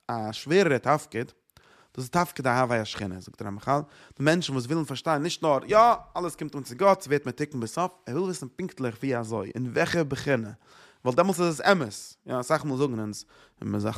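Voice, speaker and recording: Man, religious teacher, Torah lecture, repetitive rhetorical questioning, middle pitch.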